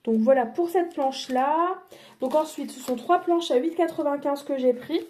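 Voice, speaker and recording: High, mellow-voiced woman vlogger. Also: moderate pace, a little hiss or hum. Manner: chatty, hesitant, many fillers and self-corrections. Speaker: crafting vlogger. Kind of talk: casual product haul.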